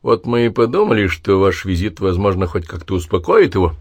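A stern hospital doctor, curt and commanding, his voice raised a little above the reader's deep tone and loud, as a man puts him on. He barks orders in a storybook reading, with a dry, close sound. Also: sing-song, fairly quick, dry recording, heavily acted. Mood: worried.

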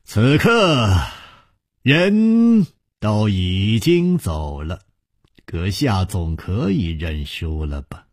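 A man voicing a calm, amused hero swordsman in a storytelling broadcast, speaking low, slow and teasing. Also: husky, no room sound, studio quality.

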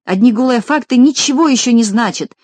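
A woman voicing a clever, proud little male scientist from a storybook, who talks in loud, self-reproaching exclamations. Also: lowish voice, moderate pace, slightly rough, no echo. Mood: shouting, insistent. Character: small male shorty scientist, clever, proud, easily vexed.

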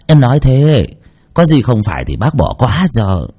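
A man's voice: mid-range voice, sing-song, moderate pace, dark tone, slightly rough. A man voicing a nervous young village man who apologizes in a pleading, placating way.

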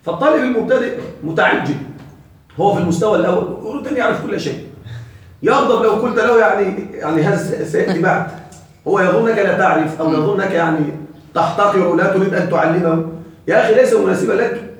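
A man in his thirties teaching an Arabic grammar class, quizzing his students with quick questions and repeating each term for them. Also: high voice, very echoey, far from the mic, poor audio.

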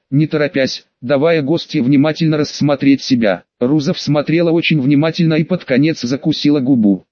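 A man reading an audiobook in even, scripted narration, in a dry, slightly dull recording. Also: on the high side, no echo. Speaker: audiobook reader.

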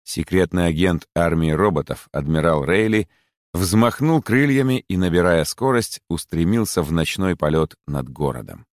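A man with a low voice reads a children's adventure story aloud. His narration is measured and expressive. The recording is close and dry. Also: no echo. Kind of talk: audiobook narration.

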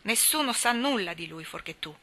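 A woman's voice: medium pitch, lively intonation, moderate pace, pushed and bright. A woman reading the part of a mocking, taunting boy. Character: sneering taunting boy, a bully. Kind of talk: audiobook character reading.

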